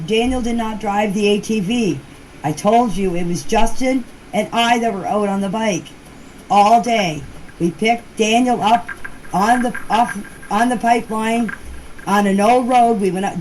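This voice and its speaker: A woman with a fairly high, slightly mellow voice records informal clips replying to questions in a group chat. She's emphatic and loose with grammar, saying things more than once for emphasis, and the recording is noisy.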